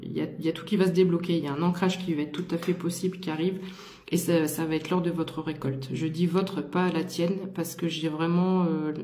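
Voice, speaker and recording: A woman's voice: deep voice, level tone, a little fast, mellow, reverberant. A woman giving a casual tarot reading to the viewer, talking with many fillers and restarts. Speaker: tarot card reader.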